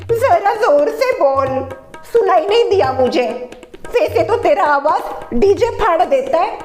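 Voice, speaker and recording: A woman playing a sharp-tongued, scolding middle-aged mother-in-law in a family comedy skit, with a shrill, mocking way of talking. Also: lively intonation, slow pace, full character voice. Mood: taunting. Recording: echoey room, faint background music.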